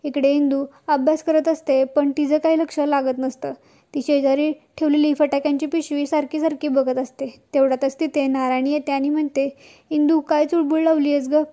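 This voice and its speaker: A woman retelling a TV serial episode, reading every part herself in a steady storytelling way. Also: high-pitched, normal speed. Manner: steady storytelling pace, reads all parts herself. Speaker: serial recap narrator.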